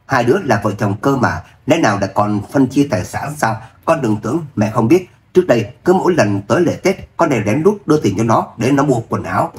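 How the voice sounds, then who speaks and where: A man reading the part of a grasping, domineering mother-in-law from a storybook romance. She nags her daughter about money in a sharp, scolding manner and wails to get her way. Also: expressive, fairly quick, hardly any pauses, slight background noise, close to an everyday voice. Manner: shrill scolding, self-pitying wails. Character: scheming greedy middle-aged mother-in-law.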